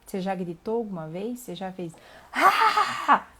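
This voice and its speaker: A middle-aged woman with a Brazilian accent, hosting a reflective live talk on emotions and reading passages aloud in a calm, earnest way. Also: on the low side. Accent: Brazilian Portuguese. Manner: calm and earnest, pausing with fillers, asking the listener questions.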